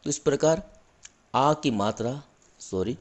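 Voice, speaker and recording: A male teacher giving a slow, patient classroom grammar lesson, repeating and spelling out each example. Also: mid-range voice. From India. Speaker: school teacher.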